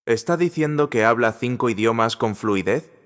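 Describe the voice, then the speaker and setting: A man's voice: medium pitch, animated, a bit bright, voice pushed up, close to an everyday voice. A man doing a firm, wealthy businessman. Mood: impressed. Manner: firm and deliberate. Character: wealthy middle-aged businessman, firm and admiring. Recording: long reverb.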